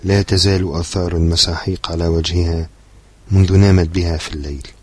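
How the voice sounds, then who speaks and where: Brief: low, husky-voiced male narrator for a literary audiobook, measured and steady. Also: no room sound.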